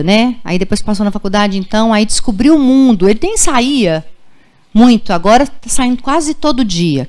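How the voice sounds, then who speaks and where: A woman, a pediatrician giving a conversational talk to parents in a school auditorium, often checking in with her listeners. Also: medium pitch. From Brazil. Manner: warm, conversational, checks in with "tá?" and "gente". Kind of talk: live lecture to parents.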